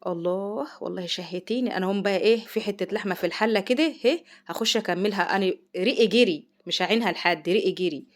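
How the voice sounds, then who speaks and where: Fast-talking Egyptian woman vlogger. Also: mid-range voice. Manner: chatty, rapid, exclaiming over food. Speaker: vlogger, mother. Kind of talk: casual cooking vlog chat. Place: home kitchen.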